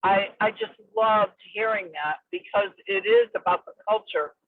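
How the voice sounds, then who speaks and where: A woman's voice: medium pitch, moderate pace, no room sound. A woman calling into a meeting on a car speakerphone while driving, speaking hesitantly with many fillers. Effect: phone call from a car speakerphone. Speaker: meeting participant. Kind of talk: casual remarks in an online meeting. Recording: tinny dry phone line from a car.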